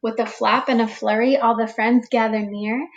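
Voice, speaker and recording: A woman teacher reading a picture book aloud to young children, slow and expressive, giving the animals little voices. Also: on the high side, lo-fi sound. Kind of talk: read-aloud storytime for children.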